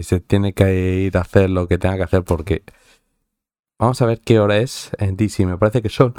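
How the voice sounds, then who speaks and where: A man's voice: on the low side, a little mellow, clear, resonant tone, no room sound, studio quality. A man from central Spain with a central Spanish accent, chatting casually on a live stream, joking, swearing often and laughing at himself.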